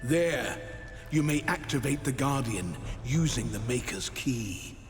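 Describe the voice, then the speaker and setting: Slow, grave old sage. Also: male voice, medium pitch, expressive. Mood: grave, weary. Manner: solemn, deliberate. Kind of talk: dramatic fantasy game dialogue. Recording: long reverb, music behind.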